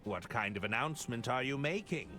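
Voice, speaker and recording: A man's voice: mid-range voice, animated, fairly quick, bright, forceful tone, faint music behind. A man playing an earnest, awkward, politely inquisitive novelist detective in a comedic game. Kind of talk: comedic adventure game acting.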